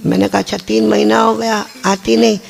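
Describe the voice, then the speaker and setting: A man's voice: high-pitched, level tone, fairly quick, creaky. A man preaching a sermon to a live audience, telling stories, joking, and calling on the crowd to repeat after him. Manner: calls on crowd to repeat and respond. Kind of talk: live religious sermon with storytelling. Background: audience gathering.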